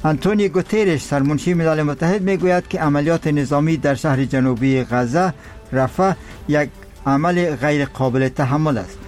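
A man with an Afghan accent reading a formal radio news bulletin in a measured delivery. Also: a little high, darkish tone, faint music behind. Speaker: radio newsreader.

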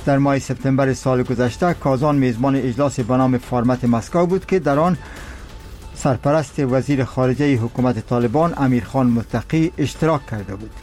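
A male newsreader with an Afghan accent presents a radio bulletin. His delivery is formal and measured, at a middling pitch, with music behind him. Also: a little mellow.

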